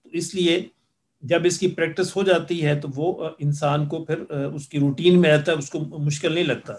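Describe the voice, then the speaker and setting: Patient male Quran teacher, slightly high voice. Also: steady tone. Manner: patient, explanatory, repeats and drills word forms slowly. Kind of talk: classroom lecture on Arabic grammar.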